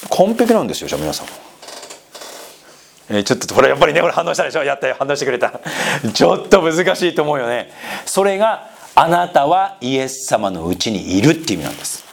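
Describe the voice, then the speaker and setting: A man's voice: mid-range voice, very animated, quick pace, gravelly, slight background noise. A man preaching a sermon in a conversational way, asking the congregation questions and slipping into casual asides. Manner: mixes polite speech with casual asides. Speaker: pastor.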